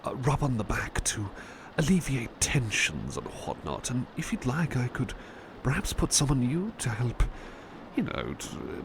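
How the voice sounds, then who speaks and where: In a soothing ASMR roleplay, a man plays a devoted, gentle butler who is hesitant and polite, fussing over the listener and reassuringly repeating himself. His voice is medium-pitched and creaky, with background noise behind it.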